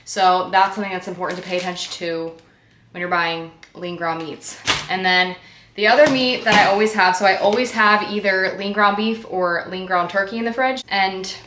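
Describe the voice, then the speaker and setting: Woman vlogger chatting, bit out of breath, bright voice, echoey kitchen. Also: mid-range voice. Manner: chatty, explaining food items one by one. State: a little out of breath. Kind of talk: casual chat. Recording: echoey room, faint noise.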